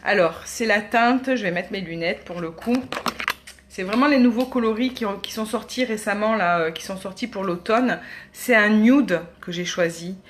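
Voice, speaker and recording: A woman's voice: mid-range voice, moderate pace, slight background noise. A woman, chatting casually as a beauty vlogger demonstrating makeup, with many hesitations. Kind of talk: casual product demo.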